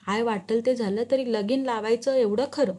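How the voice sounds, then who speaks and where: A woman's voice: a little high, steady tone, normal speed, dark tone, natural voice. Jaysingrao, a woman doing a boastful village headman. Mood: proud, boastful. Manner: boastful rustic village dialect. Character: proud stubborn village headman, male, middle-aged.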